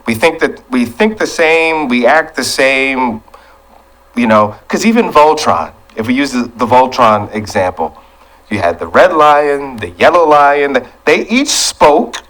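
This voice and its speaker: A man's voice: medium pitch, sing-song, a little slow, a bit bright, rough recording. A man hosting a casual culture podcast, talking in a laid-back, reflective way and steering the conversation. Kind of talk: casual chat.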